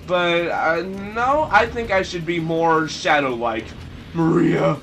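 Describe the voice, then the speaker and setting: A man giving casual, goofy gameplay commentary, rambling and breaking into sudden shrill yelps. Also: animated, slow, a bit bright, slight background noise. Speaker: let's play commentator.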